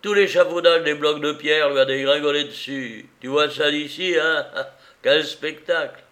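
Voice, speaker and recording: A man's voice: fairly high pitch, steady tone, normal speed, fairly bright tone, voice pushed up, close to an everyday voice. A man voicing a vicious crippled bandit who taunts with strident, cackling glee. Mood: gloating. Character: gloating crippled male bandit, vicious and shrill.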